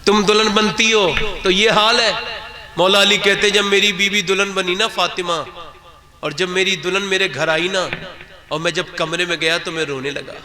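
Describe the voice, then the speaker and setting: A man's voice: high voice, fairly even intonation. A man preaching an emotional religious sermon, his voice swelling toward tearful pleading as he retells scenes to his listeners. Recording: crowd of listeners behind.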